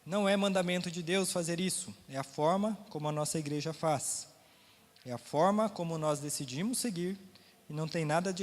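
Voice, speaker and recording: A man's voice: a little high, big-room sound. A man with a Brazilian Portuguese accent teaching a Sunday school Bible lesson, talking casually, quizzing the class, his throat a little sore.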